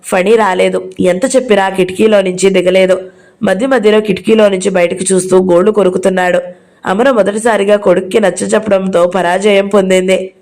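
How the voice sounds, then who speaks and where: A woman reading a novel aloud as narrator, with a steady storytelling delivery. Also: mid-range voice, brisk.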